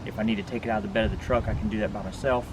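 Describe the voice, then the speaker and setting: Standing outdoors beside a pickup truck bed, a male RV vlogger rattles off a casual, plain-spoken product walkthrough to camera, explaining equipment informally. His fairly low voice stays fairly even in intonation, and background noise is audible.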